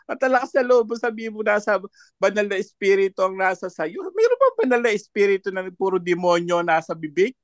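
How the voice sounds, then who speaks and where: Brief: high-pitched male panelist, dry close sound, scornful and chuckling. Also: very animated, fairly quick, no room sound. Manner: mocking, laughs often between jabs. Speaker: panelist commenting on a debate. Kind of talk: online discussion commentary.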